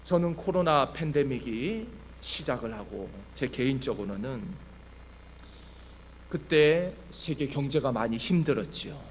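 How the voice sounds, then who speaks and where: A male pastor preaching a sermon to his church, passionate, dropping to hushed tones and then rising to loud exclamations. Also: medium pitch, lively intonation, measured pace, a little hiss or hum. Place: church sanctuary.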